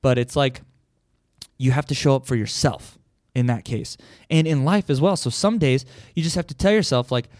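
A man's voice: mid-range voice, moderate pace, darkish tone, no room sound, studio quality. Blunt, profane male podcast host. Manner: blunt, profane, conversational, with frequent "like". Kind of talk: casual solo podcast monologue.

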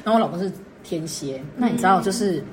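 A young woman telling animated stories as a guest, laughing often as she talks. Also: on the low side, fast talker, echoey room, crowd noise. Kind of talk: casual chat.

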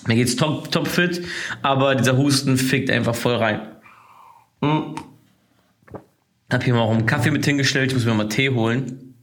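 This is a casual solo podcast monologue from a young male host whose medium-pitched voice has a fairly bright tone. He speaks at normal speed with long pauses, using loose slang, lots of fillers and restarts, and he coughs now and then, still getting over a cold.

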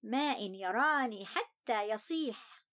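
Woman voicing young boy, storybook character, plaintive, sulky, very animated pitch. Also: unhurried. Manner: plaintive, complaining. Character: sulky young boy who feels unloved, storybook narrator. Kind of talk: children's story acting.

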